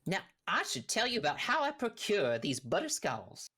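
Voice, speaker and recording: A woman voicing a gruff, talkative male half-orc rancher who rambles folksily and calls people honey. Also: mid-range voice, huge pitch swings, normal speed, pushed and bright, pitched above the performer's own voice, heavily acted. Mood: folksy.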